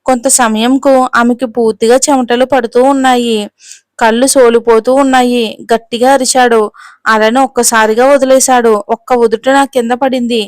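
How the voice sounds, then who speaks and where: Female storyteller, steady scripted read, fairly high, very even, dry close mic. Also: moderate pace, no room sound. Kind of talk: scripted narration.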